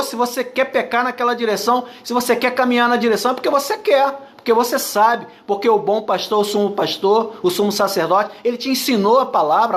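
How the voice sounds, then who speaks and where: A man with a very high voice preaches a sermon in a Brazilian Portuguese accent. He speaks as a pastor, emphatic and repetitive. He keeps putting rhetorical questions to his listeners. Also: fairly bright tone.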